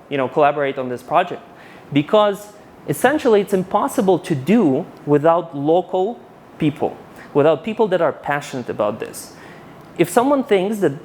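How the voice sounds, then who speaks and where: Animated man giving a conference talk. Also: a little high, a little hiss or hum. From Ukraine. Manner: animated, casual, many restarts. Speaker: conference speaker. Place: conference hall. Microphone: handheld mic.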